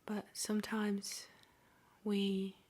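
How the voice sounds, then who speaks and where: A woman whispers in a hushed, very breathy voice, like a guided ASMR meditation. She speaks slowly with long pauses, her pitch flat and even, and her delivery gentle and soothing.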